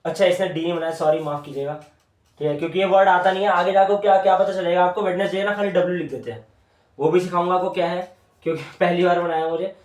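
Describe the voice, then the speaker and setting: A man teaching shorthand at a whiteboard, stretching each word out slowly as he writes it, with said in a way inside his talk. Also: high-pitched, fairly even intonation. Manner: repeats each word slowly while writing. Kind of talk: whiteboard lesson. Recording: echoey room, mic at a distance.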